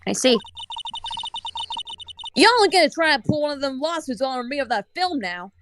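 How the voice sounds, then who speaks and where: A woman's voice: high-pitched, expressive, moderate pace, noisy background. A woman voicing a brash, feisty Southern country woman photographer with a folksy drawl. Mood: suspicious. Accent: American Southern.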